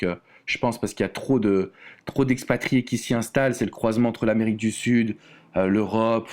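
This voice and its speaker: A man's voice: lowish voice, darkish tone. A man from France, a relationship coach, talking casually as a podcast guest, with many fillers and restarts. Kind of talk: casual podcast interview talk.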